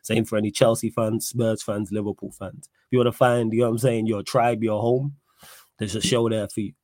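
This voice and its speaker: Chatting casually about football on his livestream, this UK man with a London street accent uses slang and says things twice for effect. His fairly low, somewhat mellow voice keeps an even intonation at a fairly quick pace, with no room sound.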